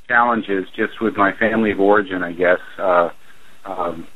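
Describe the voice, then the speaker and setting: A man in his forties, a keyboardist, speaking slowly and reflectively as a radio interview guest. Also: on the low side. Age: 40s. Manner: slow, halting, reflective. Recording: tinny phone line.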